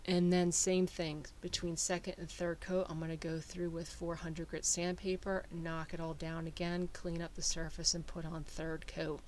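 A woodworking channel host talking through a how-to in a relaxed, explanatory voice-over with frequent fillers. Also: mid-range voice, moderate pace, few pauses, slight background noise. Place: small woodworking shop.

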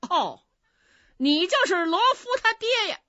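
A woman doing a loud bragging general. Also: very high voice, big pitch swings, a little slow, no echo, pitched above the performer's own voice, heavily acted. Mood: bullying. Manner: bullying, shouting, boastful. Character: arrogant boorish male general, loud braggart. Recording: dry, slightly dull studio recording.

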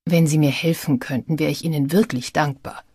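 A woman reading an audiobook, voicing a scheming man who poses as a polite reporter with an oily, drawn-out manner. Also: sits low, steady tone, darkish tone, husky, dry recording.

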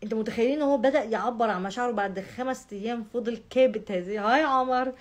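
Talking rapid-fire in a slightly high, slightly mellow voice, this Egyptian Arabic-accented woman, an astrology vlogger, speaks casually to her audience. She makes her points emphatically by repeating the same words again and again.

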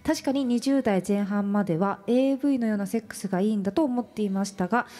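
A woman co-hosting a radio show, reading a listener's letter aloud and reacting with quick laughs. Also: mid-range voice, dark tone. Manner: laughs easily, brief reactions. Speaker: radio co-host. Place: radio studio.

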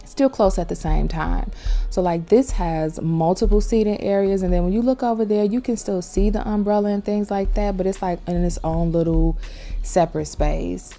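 Casual female vlogger, warm dark tone, laid-back rambling narration over gameplay. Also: medium pitch. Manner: relaxed, chatty, lots of "little" and "like". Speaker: vlogger touring a virtual world.

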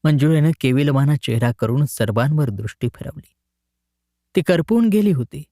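Expressive male storyteller, lively pitch. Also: moderate pace, no room sound, studio quality. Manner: expressive, dramatic reading. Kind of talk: scripted narration of a short story.

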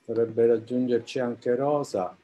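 A man's voice: mid-range voice, steady tone, unhurried, dark tone. A man hosting an informal live interview, with hesitant, roundabout phrasing. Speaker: interview host.

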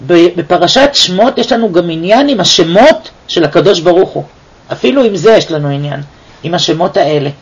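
A man giving a weekly Torah portion lesson, talking in a lively way and firing off rhetorical questions. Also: high-pitched, husky. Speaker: Torah teacher. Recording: dull lo-fi recording.

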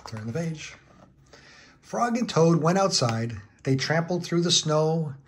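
Slow-reading man narrating a kids' book. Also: fairly high pitch, animated, a little hiss or hum. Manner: slow, clear storytelling narration. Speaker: children's book reader. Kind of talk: reading a picture book aloud to kids.

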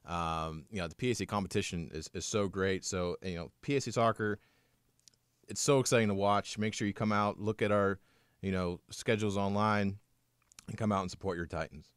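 A man's voice: lowish voice, steady tone, clean tone, no echo, studio quality. A young man co-hosting a college sports podcast, running through scores and stats in an upbeat way with light banter. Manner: reads stats briskly, upbeat promo tone. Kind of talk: scripted sports recap, casual banter.

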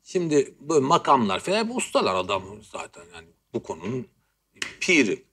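A man's voice: medium pitch, huge pitch swings, fairly quick, fairly bright tone, husky. A male guest on a talk show, telling a funny story in a playful, amused way. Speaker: guest musician.

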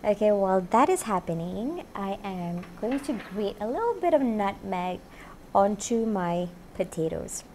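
Lively intonation and a dark tone mark this medium-pitched woman's measured delivery, with a little hiss or hum on the audio. A chef in her thirties, she chats upbeat to camera with lots of "you know" while cooking, wearing a lapel mic in an indoor home-style kitchen studio.

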